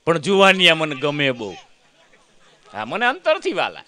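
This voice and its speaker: A man's voice: a little high, wildly swooping pitch, normal speed, pushed and bright. A man doing a comic monologue, telling a chatty story, acting out other people's lines and teasing the audience. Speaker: comedian.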